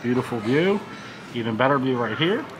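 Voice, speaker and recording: An American vlogger in his thirties narrates casually as he goes around a boardwalk and restaurants, filming on a handheld camera held at arm's length. His medium-pitched voice is brisk, with big pitch swings, and the audio is noisy with ambient din.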